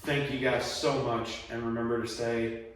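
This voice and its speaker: A man giving a casual hands-on vlog narration inside a barn workshop, plain-spoken and thinking out loud. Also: mid-range voice, flat delivery, normal speed, a little hiss or hum, low-quality recording. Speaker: host of a DIY garage channel.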